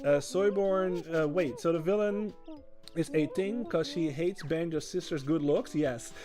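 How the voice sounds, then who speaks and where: A man streams a video game and comments loosely, reading chat messages aloud and stumbling through his explanations with fillers and restarts. His voice sits slightly high for a man, and faint game music plays behind him. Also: unhurried, dark tone. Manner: rambling, with many fillers and restarts while explaining controls. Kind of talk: gaming livestream commentary.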